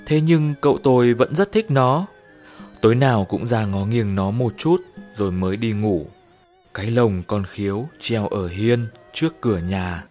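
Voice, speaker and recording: A man's voice: on the low side, moderate pace, a little mellow, soft background music. A man narrating a first-person horror story in a tense, scripted way.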